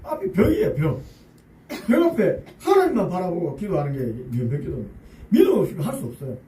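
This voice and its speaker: A man's voice: on the high side, wildly swooping pitch, quick pace, dark tone, a little hiss or hum. A male pastor preaching a sermon, acting out pleading prayers and chuckling along with the congregation. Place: church sanctuary. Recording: roomy church sound from a distance.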